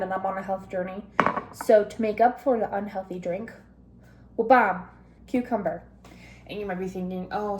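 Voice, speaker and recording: A woman's voice: mid-range voice, a little mellow, slight background noise. A young woman and mother chatting casually to the camera at home, rambling and giggling as she does chores. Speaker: vlogger and mother. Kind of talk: casual vlog chat to camera. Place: at home, indoors, in the kitchen.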